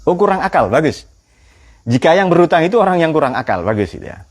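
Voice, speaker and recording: Husky-voiced man teaching a lively lesson. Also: a little high, quick pace. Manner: quizzes the class and tells light anecdotes. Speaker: Quran teacher. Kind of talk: classroom Quran study lecture.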